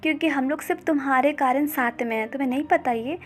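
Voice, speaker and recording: A woman voicing a gentle, loyal young man who reassures his friend. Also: extremely high pitch, fast talker. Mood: earnest.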